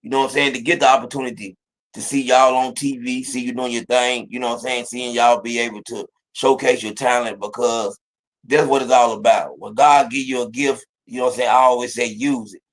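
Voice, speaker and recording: A man's voice: medium pitch, steady tone, fairly quick, poor audio. A man hosting a casual interview, encouraging and full of faith talk, who keeps dropping "you know what I'm saying" into his sentences. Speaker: podcast host.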